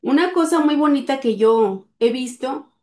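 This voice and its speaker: Middle-aged woman, higher register, earnest storyteller, echoey room. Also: expressive, measured pace, a little mellow. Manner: earnest, speaks with frequent fillers. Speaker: guest sharing testimony. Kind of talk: personal storytelling.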